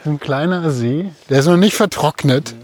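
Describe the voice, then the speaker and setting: A man's voice: on the high side, normal speed, a little mellow. A man co-hosting a podcast in casual conversation, talking as he walks outdoors. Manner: talking while walking. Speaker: podcast co-host. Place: outdoors, walking through city parks.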